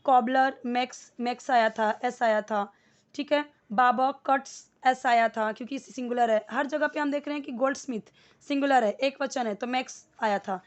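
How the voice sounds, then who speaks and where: A woman teaching spoken English in Hindi, explaining grammar step by step and repeating words slowly for learners to copy. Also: fairly high pitch. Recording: dull lo-fi recording.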